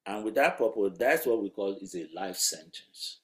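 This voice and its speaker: A man's voice: fairly low pitch, expressive, moderate pace. A man preaching a sermon in a conversational, emphatic way, asking rhetorical questions. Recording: roomy echo.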